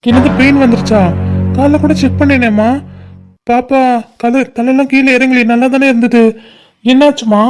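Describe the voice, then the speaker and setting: A voice actor playing a calm young man, a doctor son, giving instructions and reassurance over the phone in a cartoon. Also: high-pitched, moderate pace, pauses often, faint music behind, lightly acted. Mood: calm instructing. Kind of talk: cartoon voice acting.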